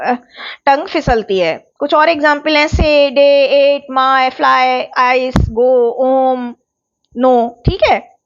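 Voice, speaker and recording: A woman teacher giving an exam revision lecture, explaining patiently and repeating key words. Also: sits high. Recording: slightly dull lo-fi sound.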